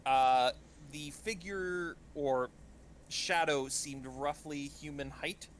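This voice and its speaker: A man narrating as game master of a tabletop game, pausing often with fillers and restarts. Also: a little high, fairly bright tone, a little hiss or hum. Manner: halting, many fillers and restarts.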